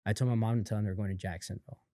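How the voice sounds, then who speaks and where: A man with a low, mellow voice tells a family story in loose, conversational podcast talk. He acts out other people's lines as he goes and leans on fillers. The sound is close and dry, with no room ring. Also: steady tone, very fast, no echo. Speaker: podcast guest, company founder. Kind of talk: casual storytelling in an interview.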